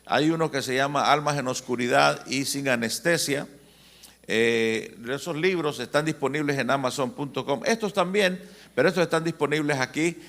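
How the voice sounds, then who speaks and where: A man's voice: a little high, moderate pace, fairly bright tone. A man in his sixties with a Honduran accent, a pastor giving a church conference talk in a joking, anecdotal way. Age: 60s. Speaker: pastor and family-conference speaker.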